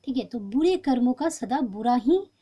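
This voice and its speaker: A woman teacher explaining a textbook lesson patiently, pausing often with fillers and restarts. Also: on the high side, animated, dark tone, breathy edge.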